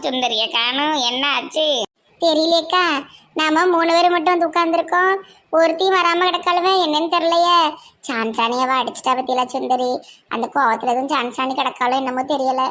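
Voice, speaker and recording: A woman's voice: high voice, creaky, sharp tone, exaggerated voice. A woman voicing a meddling, gossiping older village woman in a comic cartoon, with a Tirunelveli Tamil accent. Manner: gossipy, grumbling.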